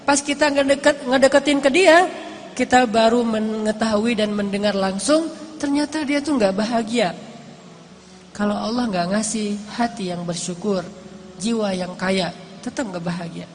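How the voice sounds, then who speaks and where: A man giving a sermon in casual, conversational storytelling, rising to emphatic peaks and dropping to hushed, slow lines. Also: sits high. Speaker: preacher. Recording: lecture hall with long reverb and faint noise.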